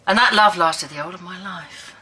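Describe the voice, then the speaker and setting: A woman's voice: lowish voice, a little fast. A blunt older woman. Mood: reflective. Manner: blunt and earthy, softening into quiet remembering. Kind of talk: television soap drama.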